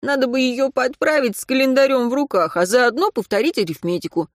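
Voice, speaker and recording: A woman's voice: sits high, fairly quick, no echo, studio quality, voice pushed up, lightly acted. A woman reading an audiobook, voicing a sarcastic young man who is curt and mocking.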